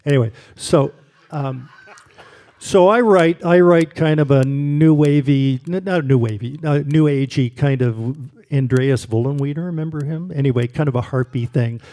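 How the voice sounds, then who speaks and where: Guy telling old studio stories, lots of uh and laughing, mellow voice. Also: mid-range voice. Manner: rambling storyteller with fillers and laughs. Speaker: guest, jingle composer. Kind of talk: casual anecdotes.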